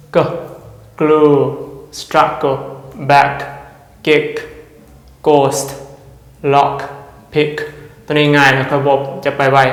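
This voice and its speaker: A man's voice: on the high side, fairly bright tone. A man with a Lao accent teaching English pronunciation, repeating each drill word carefully. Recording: echoey room with long reverb.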